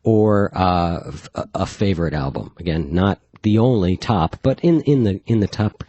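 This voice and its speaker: A man's voice: sits low, animated, moderate pace, dark tone, no room sound. A man hosting a podcast interview, asking conversational questions and hedging them with fillers. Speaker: podcast host.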